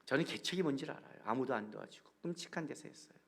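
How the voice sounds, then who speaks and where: A man's voice: mid-range voice, rapid-fire, vocal fry. A middle-aged male pastor giving a guest sermon, telling stories and acting out bits of dialogue. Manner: animated storytelling with acted-out dialogue.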